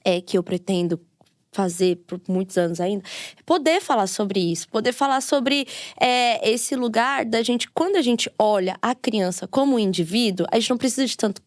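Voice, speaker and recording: A Brazilian woman with a Brazilian accent talks through ideas in an earnest, explanatory way during a casual podcast conversation. Her voice sits fairly high, and the recording is dry and close, with little room sound. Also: normal speed, no echo. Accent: Brazilian Portuguese. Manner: explanatory, earnest, full of "sabe?" tags. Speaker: podcast guest, psychology student.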